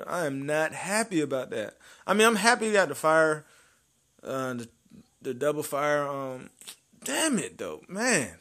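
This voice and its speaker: A young man giving casual gameplay commentary, excitable, swinging from loud cheers to low grumbling. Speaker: gaming channel host.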